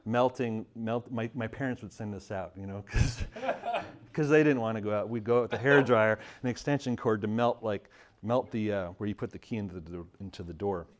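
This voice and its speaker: A man in his thirties from Montreal telling a family story in a casual, animated way, often laughing and restarting his sentences. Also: on the low side, brisk. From Montreal, Canada.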